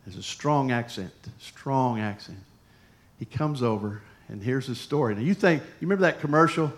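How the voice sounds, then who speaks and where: A male pastor with a mid-pitched voice delivers a chatty sermon built around a personal story, full of anecdotes and quick, lively asides in a conversational storytelling manner.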